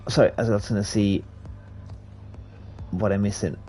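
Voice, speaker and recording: His pitch is fairly low and his intonation fairly even, delivered at a moderate pace in a mellow tone, with faint music behind. The speaker, a native Swedish speaker using English, races on a live stream, chatting to viewers, reading comments and poking fun at himself.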